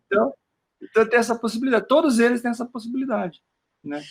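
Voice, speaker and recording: A man's voice: extremely high pitch, sing-song, normal speed, vocal fry, breathy edge. A Brazilian man, a poet, talking casually in an interview and rambling, with frequent "né?" tags and stammered repeats. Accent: Brazilian Portuguese. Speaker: poet talking about his book. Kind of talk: casual interview chat while showing his work on screen.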